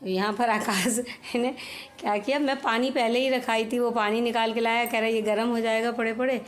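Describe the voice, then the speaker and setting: A woman's voice: on the high side, steady tone, normal speed. A middle-aged woman with a slightly sore throat, chatting casually over her home cooking and cleaning footage. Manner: chatty, homely, explains while working. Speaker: home vlogger.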